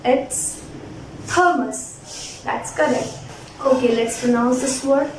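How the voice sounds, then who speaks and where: A woman gives a children's phonics lesson in a high voice at a very unhurried pace. She sounds words out carefully and prompts repetition. The recording is echoey and a little distant from the mic. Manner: deliberate spelled-out enunciation, sounding words out for repetition. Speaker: phonics teacher. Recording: roomy echo, distant mic, faint noise.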